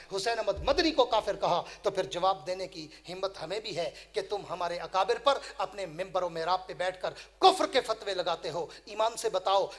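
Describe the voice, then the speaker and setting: A man preaching at a public religious gathering, his voice very high and ringing. He speaks in a rolling, repetitive rhythm, chanting verses and throwing rhetorical questions at the crowd. His tone is bright and forceful. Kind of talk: sermon.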